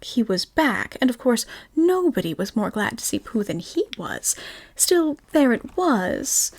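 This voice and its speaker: A woman reading a storybook aloud in a soft, slow, whispered ASMR style. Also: fairly high pitch. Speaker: ASMR reader.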